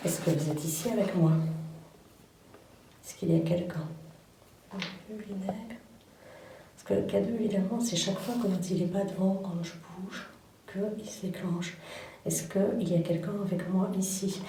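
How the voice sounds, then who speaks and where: Woman ghost hunter in a cellar, soft polite questions, lots of thank-yous, very echoey and far from the mic. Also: lowish voice, moderate pace. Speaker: paranormal investigator. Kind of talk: spirit-box session, questioning a presence. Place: cellar of a derelict house. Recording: echoey cellar, distant mic, noisy background.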